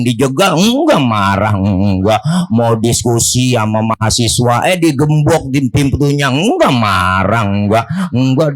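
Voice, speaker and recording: Middle-aged Betawi man, comic preacher who teases the crowd, middle-pitched voice, loose and colloquial delivery. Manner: joking, teasing the crowd, colloquial. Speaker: Islamic preacher. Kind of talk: comedic sermon. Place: Prophet's birthday gathering in a village neighborhood.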